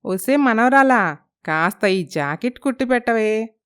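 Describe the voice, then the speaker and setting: A woman voicing a sharp-tongued, playful old grandmother in a storybook, scolding and teasing. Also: on the high side, lively intonation, a little slow, smooth. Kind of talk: storybook narration.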